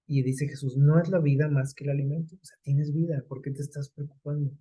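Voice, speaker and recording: Male preacher, husky conversational sermon delivery, slows down for scripture quotes. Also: on the high side, steady tone, dark tone, rough recording. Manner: conversational, explains scripture with everyday examples and rhetorical questions.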